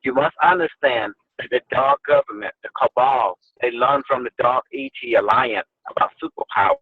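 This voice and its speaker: A man explaining insistently, his voice jumping up high on key words. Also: moderate pace, husky, no room sound. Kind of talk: casual explanatory talk. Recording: tinny phone line.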